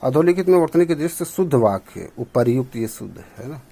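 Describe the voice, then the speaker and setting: Male teacher, mid-pitched, patient step-by-step explainer for exam prep. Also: expressive, fast talker, vocal fry, dark tone. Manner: explains step by step, checks answers aloud.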